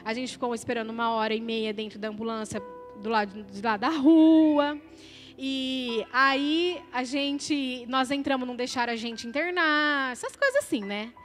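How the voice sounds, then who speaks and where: Brazilian woman, high voice, emotional church testimony, chatty, faint music behind. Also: normal speed. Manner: emotional, conversational, frequent tag questions. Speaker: church member giving testimony. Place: church service.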